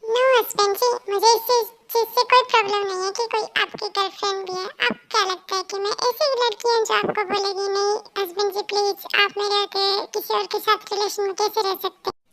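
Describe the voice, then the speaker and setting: A woman voicing a bold, teasing young newlywed wife in a fan audio story, high-pitched and playfully sarcastic. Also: little pitch movement, brisk, hardly any pauses. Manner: cheeky, playful, sweetly sarcastic.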